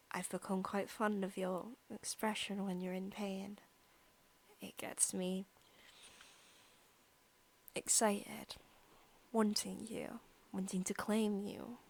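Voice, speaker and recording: Her voice is medium-pitched and gravelly as she voices a sadistic, possessive young vampire for a soft-spoken ASMR roleplay. She teases and menaces in an offhand way, slipping into whispers at times.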